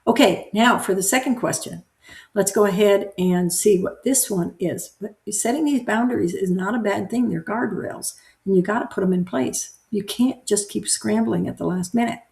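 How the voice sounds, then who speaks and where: A woman's voice: mid-range voice, normal speed, gravelly, darkish tone, reverberant. A woman hosting a caregiving advice show, answering viewer questions in a direct, coaching way and repeating her key points.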